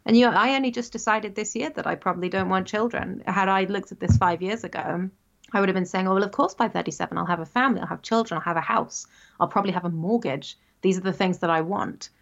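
A woman's voice: mid-range voice, fast talker, vocal fry. A woman in her thirties from England, chatting casually and rambling, correcting herself with little laughs. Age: 30s. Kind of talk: casual chat. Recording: dull lo-fi sound.

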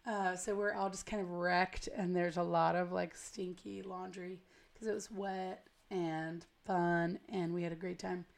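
Gravelly, smoky-voiced American woman podcaster. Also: lowish voice, level tone, measured pace. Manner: chatty, rambling, self-deprecating, slangy. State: hoarse from a lingering cold. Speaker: podcast host. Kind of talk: casual podcast intro chat. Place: at home.

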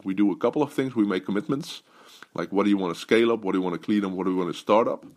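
Dutch guy rambling on his podcast, real low voice with lots of fry. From Netherlands. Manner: loose, rambling, many fillers and restarts. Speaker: podcast host and business coach. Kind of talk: casual solo podcast talk.

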